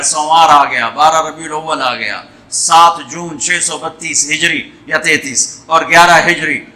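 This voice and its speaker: Impassioned preacher with a tinge. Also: male voice, fairly high pitch, pushed and bright. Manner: impassioned storytelling, lamenting cries. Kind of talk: emotional sermon.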